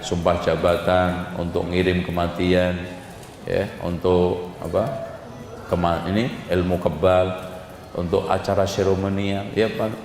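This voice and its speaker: A man giving a lively sermon to a congregation, with joking asides and sudden high exclamations. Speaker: Islamic preacher. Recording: echoey hall, faint background noise.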